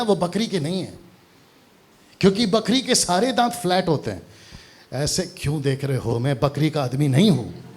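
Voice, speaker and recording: Lively male preacher, slightly high voice, swooping pitch, quizzes and teases the congregation, drops English phrases. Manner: animated, teasing, asks the crowd questions; mixes English words into Hindi. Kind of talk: lively Hindi sermon at a seminar. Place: church seminar hall.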